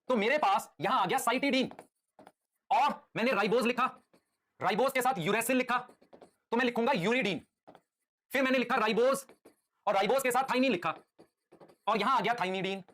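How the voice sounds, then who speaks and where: With a very high, slightly bright voice, a man lectures live to his class, calling the students "beta" while he patiently asks them quick questions over and over.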